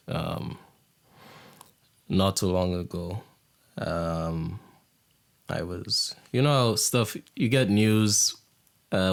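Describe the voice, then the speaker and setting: A young podcast host from Saint Lucia delivers a casual, reflective monologue in a low, gravelly voice. He speaks softly and sometimes drops into a hushed near-whisper.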